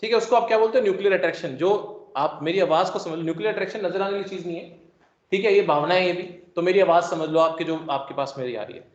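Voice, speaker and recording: With students present, a man teaches a chemistry lesson, cracking jokes and using familiar classroom comparisons to explain. He speaks quickly in a high voice. The recording is dull and lo-fi, with classroom echo.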